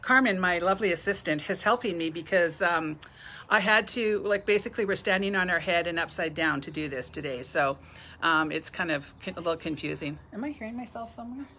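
A woman's voice: on the low side, lively intonation, fairly quick, bright, forceful tone. Woman, middle-aged, live-stream host; chatty, laughs a lot, phone mic with faint background noise. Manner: chatty, laughs often, greets viewers by name. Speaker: bead store owner hosting a live stream. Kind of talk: casual live-stream chat.

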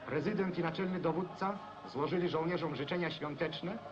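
A man's voice: a little high, normal speed. A man reading a scripted narration in a formal, declamatory manner, as heard in an old 1940s newsreel. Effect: old 1940s newsreel recording. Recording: dull lo-fi 1940s film sound with loud music.

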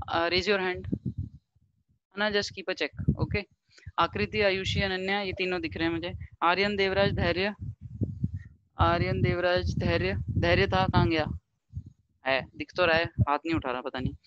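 Lady teacher on a muffled video call, bright clear voice, mixes hindi n english, walks through it step by step. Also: lowish voice, slight background noise. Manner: reads through an attendance list briskly. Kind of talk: online class teaching.

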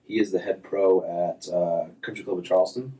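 A man's voice: deep voice, moderate pace, distant mic, slight background noise, poor audio. A man in his thirties, a golf instructor as guest, talking casually with lots of fillers and restarts in a small office. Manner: relaxed, rambling, many fillers and restarts. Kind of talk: casual interview chat. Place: small office with framed diplomas.

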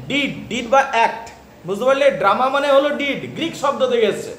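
A man with a Bengali accent teaching English literature in a classroom lecture, often pausing to check that students follow. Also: very high-pitched, fairly bright tone, reverberant, slight background noise.

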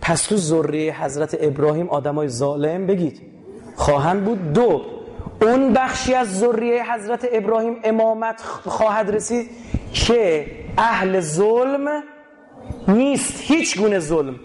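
An Iranian man delivers an animated religious lecture to a live audience, posing rhetorical questions and explaining words one at a time. His voice sits high, and he's recording his own lecture.

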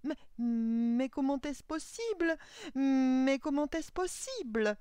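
A fussy, lonely old clockmaker in a storybook tale, put on by a woman narrator. He talks in a high, quavering voice, flustered and loud. The sound is close and dry. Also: lively intonation, normal speed, no echo, close to an everyday voice. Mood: fretful.

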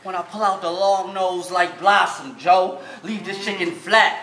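Bright-voiced New York battle rapper. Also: male voice, high voice, fairly even intonation, unhurried. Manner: punchy, mocking wordplay. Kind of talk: battle rap verse. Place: barbershop event space. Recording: echoey room.

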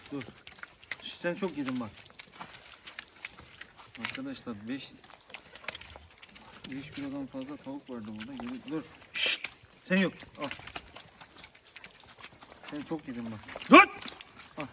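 A man's voice: mid-range voice, a little slow, pauses often. A man feeding stray dogs by a rural roadside, giving firm, repeated short commands in a casual vlog. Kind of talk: casual outdoor vlog talk. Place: outdoors by a road in the countryside. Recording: outdoor recording with clear background noise.

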